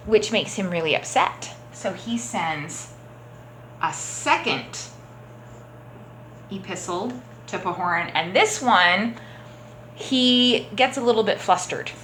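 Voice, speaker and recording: A woman teaching a children's church class, telling a story gently and often checking in with the kids. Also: mid-range voice, lively intonation, slow, pauses often, slight background noise, rough recording. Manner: gentle, encouraging, checks in with "okay?".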